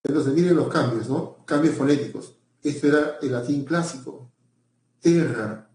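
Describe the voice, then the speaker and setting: Guy lecturing a class, mellow voice, keeps asking if everyone's following, echoey room. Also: mid-range voice, normal speed. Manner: repetitive, checks in with students often. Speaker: teacher. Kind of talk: pre-university lecture.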